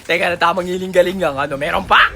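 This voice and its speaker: A young man giving casual, excitable commentary while playing a shooter game, swinging from low mutters to high squeals and shouts. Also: quick pace, vocal fry, heavy background noise. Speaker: gaming streamer. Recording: game audio with gunfire behind.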